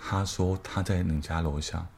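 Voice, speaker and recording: A man's voice: low voice, steady tone, moderate pace, gravelly, darkish tone. A young man, telling a personal story in casual podcast chat and laughing through the tense parts. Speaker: podcast co-host.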